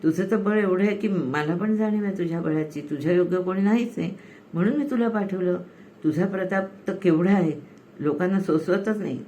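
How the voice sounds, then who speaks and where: A woman's voice: fairly low pitch, moderate pace, warm tone, a little hiss or hum, pitched above the performer's own voice, natural voice. A woman voicing Krishna as a playful, coaxing divine hero in a retold scripture story. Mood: teasing. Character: Krishna, divine male hero, teasing and gentle.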